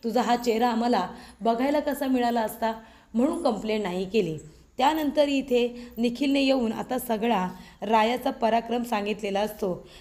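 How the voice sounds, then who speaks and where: A woman's voice: fairly high pitch, normal speed, a little mellow. A woman narrating a TV serial episode recap in a voice-over, retelling the dialogue with emphatic, scolding delivery. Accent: Marathi. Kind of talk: voice-over recap, reading characters' lines.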